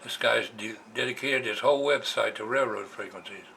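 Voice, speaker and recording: Brisk and forceful, an American man speaks in a medium-pitched, gravelly, bright voice, explaining something in a relaxed, straightforward way as a hobbyist vlogger. He's indoors at a computer, recorded noisily and amateurishly through his camera's built-in mic.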